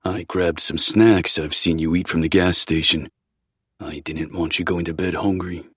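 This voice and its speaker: Valen, a man voicing a husky, deep-voiced angelic warrior. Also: normal speed, no room sound, studio quality. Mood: calm, caring. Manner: flat monotone delivery. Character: calm immortal angelic male warrior, literal-minded. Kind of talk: audiobook dialogue.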